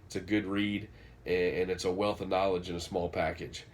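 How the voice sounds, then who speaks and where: A low-voiced man with a flat delivery and normal pace, stuffed-up and nasal from a cold, rambles casually through a book recommendation for his vlog. He's full of fillers and keeps restarting his sentences.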